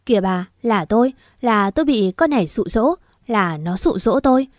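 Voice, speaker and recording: A woman's voice: medium pitch, expressive, moderate pace, no room sound, clean studio sound, close to an everyday voice. A woman voicing a cowardly middle-aged husband who begs and makes excuses in an audio story. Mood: pleading. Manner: begging and making excuses.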